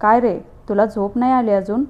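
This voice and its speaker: Woman reading as a gentle caring neighbor. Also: medium pitch, fairly even intonation, moderate pace, highs cut off, close to an everyday voice. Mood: coaxing. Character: caring young woman neighbor, gentle older-sister type. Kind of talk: storybook reading.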